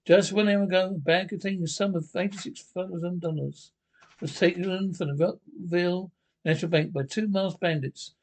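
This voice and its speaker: A man's voice: sits high, fairly even intonation, normal speed, poor audio. An actor voicing a formal male radio news announcer in a cartoon, heard over a radio. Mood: urgent. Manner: formal, clipped newsreader delivery. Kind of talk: cartoon voice acting.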